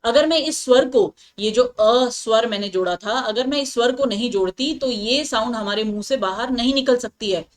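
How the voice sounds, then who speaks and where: Woman teacher patiently explaining English grammar. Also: fairly high pitch. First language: Hindi. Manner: explains patiently, repeats points and checks understanding often; reads English example sentences slowly and deliberately.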